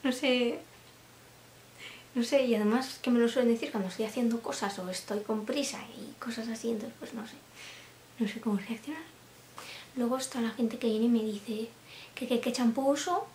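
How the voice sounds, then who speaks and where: A woman's voice: on the high side, normal speed, long pauses. Chatty young woman, giggly. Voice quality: laughs often, drops into soft asides. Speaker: vlogger. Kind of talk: casual chat to camera. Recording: roomy room with faint hiss.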